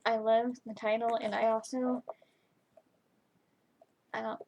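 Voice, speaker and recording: A woman giving a chatty, informal book review to camera, halting and often trailing off mid-thought. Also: fairly high pitch, level tone, vocal fry, darkish tone, lo-fi sound, a little hiss or hum. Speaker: book reviewer, video host.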